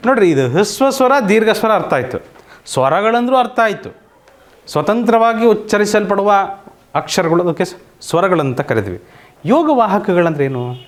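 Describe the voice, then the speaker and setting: A man teaching children in an online coaching lesson, often asking checking questions and mixing in English words. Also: high voice. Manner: quizzing, asks many checking questions. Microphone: single mic, online class recording.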